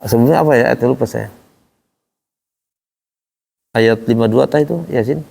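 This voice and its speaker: A man teaching Quran recitation to a small class in a relaxed, chatty way, acting out how questions sound. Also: medium pitch, moderate pace, creaky, husky. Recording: echoey room with long reverb.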